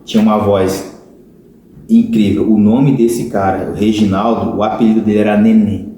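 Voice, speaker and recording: Low, dark-voiced Brazilian man in echoey room. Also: flat delivery, moderate pace, slight background noise. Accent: Brazilian Portuguese. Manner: earnest storyteller, keeps saying "cara". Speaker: podcast guest. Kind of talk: personal conversion testimony.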